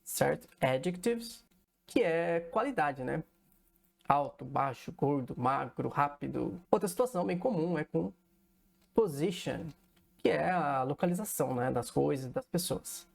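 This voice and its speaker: A man's voice: on the high side, gravelly, darkish tone. A Brazilian man teaching English in a recorded online lesson, explaining patiently and checking in often with his students. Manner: patient, explains slowly, checks in with frequent "né?" and "certo?". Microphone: computer recording.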